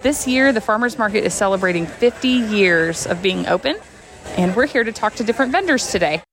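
A woman's voice: medium pitch, expressive, fairly quick, poor audio. A woman presenting a scripted radio promotion as a spokesperson. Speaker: market spokesperson.

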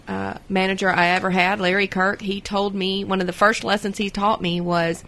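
A woman answering conversationally as a radio guest, halting and often repeating words. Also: medium pitch, fairly bright tone. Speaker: radio show guest, utility employee.

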